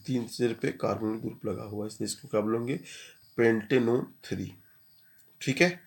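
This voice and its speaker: Man, chemistry teacher, step-by-step lecture, mid-pitched voice, repeats terms and quizzes himself. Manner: explains step by step, repeats key terms, asks and answers own questions. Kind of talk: classroom lecture.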